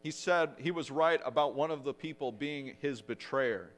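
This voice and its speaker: A man preaching a sermon as pastor, retelling the story dramatically and growing loud for the shouted quotes. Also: mid-range voice, normal speed.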